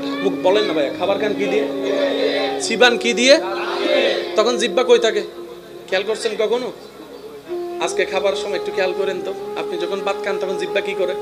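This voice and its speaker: A male preacher giving a rhythmic, repetitive sermon, swinging from soft speech to shouting and leading the crowd in call-and-response at a large open-air gathering. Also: high-pitched, steady tone, a little fast, pauses often. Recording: live outdoor gathering with loud crowd and loud music.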